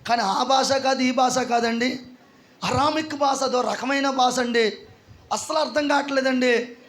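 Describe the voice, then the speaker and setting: A man preaching a revival sermon, often shouting praise calls to the congregation and acting out the people in his stories. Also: extremely high pitch, a little slow. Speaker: pastor.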